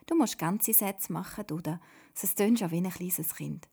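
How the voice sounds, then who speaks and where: A woman voicing a young girl who corrects others in a lively way, with a Swiss German accent. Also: lowish voice, moderate pace, vocal fry, slightly rough, exaggerated voice. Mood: instructive.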